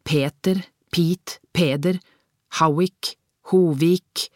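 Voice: mid-range voice, lively intonation, dry recording, studio quality, close to an everyday voice. A reader voicing an eager, thoughtful male detective. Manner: musing, then eager. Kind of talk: audiobook character voice.

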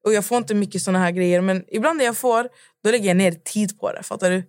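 Animated young woman telling a story. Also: medium pitch, dry recording, studio quality. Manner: animated storyteller, acts out both sides of chats. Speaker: podcast co-host. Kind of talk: casual chat.

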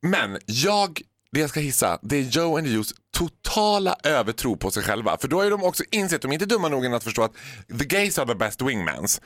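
A young man, a regular guest on a morning radio show, telling stories in campy, animated banter with put-on voices, in a studio. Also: medium pitch, no room sound. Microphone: studio microphone.

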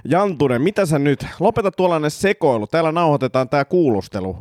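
A man voicing a gruff, impatient male police inspector in a comic script read-through, barking orders. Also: on the high side, expressive, darkish tone, no echo, studio quality, pitched above the performer's own voice, lightly acted. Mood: stern. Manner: barking, blustery commands.

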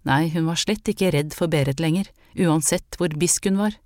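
An audiobook narrator reading a story in a calm, even way. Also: mid-range voice, dry recording, studio quality. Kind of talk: scripted narration.

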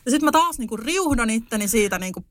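A young woman casually telling a podcast story, animated, with sudden high outbursts. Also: no echo. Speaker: podcast host.

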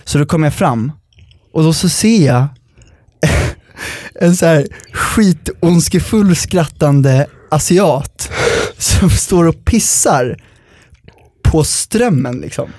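A man hosting a podcast, telling stories in an animated casual chat and swearing freely. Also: a little high, no echo. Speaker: podcast host.

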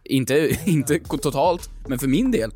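A man's voice: mid-range voice, big pitch swings, a little mellow, soft background music. A young man co-hosting a podcast in casual chat, joking and laughing often. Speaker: podcast co-host.

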